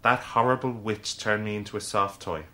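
A man's voice: lowish voice, steady tone, moderate pace, bright, forceful tone. A man voicing a small, theatrical, impatient male leprechaun in an audiobook. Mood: exasperated. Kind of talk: audiobook character voice.

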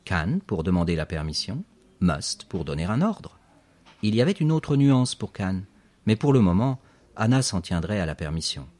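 A man reads a children's story aloud as narrator. His voice sits very low with a husky grain. He tells it with lively, animated emphasis. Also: moderate pace. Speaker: audiobook narrator.

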